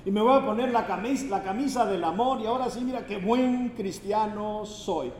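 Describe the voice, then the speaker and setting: High-voiced preacher in an echoing hall. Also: male voice, normal speed, recorded from a distance. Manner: emphatic, rhetorical questions. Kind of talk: sermon. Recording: echoey hall, faint background noise.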